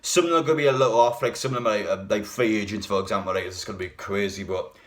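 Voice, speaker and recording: A man's voice: on the low side, rapid-fire, fairly bright tone. Hungover, rambling Englishman talking football. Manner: blunt, opinionated, rambling. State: a bit hungover. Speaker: football fan video host. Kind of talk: casual fan video talk.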